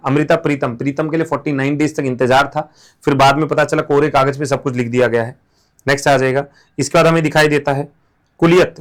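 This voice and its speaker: A male teacher with a somewhat higher voice for a man. He explains exam facts casually and turns them into playful, silly stories to help students remember. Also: fairly bright tone. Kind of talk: mnemonic lesson, casual classroom talk.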